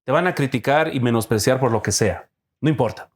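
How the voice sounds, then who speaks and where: A man's voice: mid-range voice, a little fast. A man preaching a sermon as pastor, emphatic and direct, reading scripture aloud and putting questions to the congregation. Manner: emphatic, addresses the congregation as brothers; reads scripture aloud and asks rhetorical questions.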